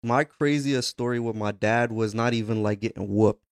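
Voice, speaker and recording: A man's voice: mid-range voice, fairly even intonation, moderate pace, no room sound, studio quality. A young man chatting casually with friends in slangy, profane language. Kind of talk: casual chat among friends.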